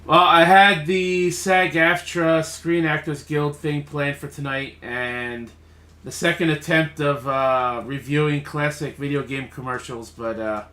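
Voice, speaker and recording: A man's voice: a little high, fairly even intonation, unhurried, sharp tone, roomy sound. A man hosting a late-night podcast, talking easygoing with lots of fillers and laughs. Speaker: podcast host. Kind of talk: casual late-night chat. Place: home room.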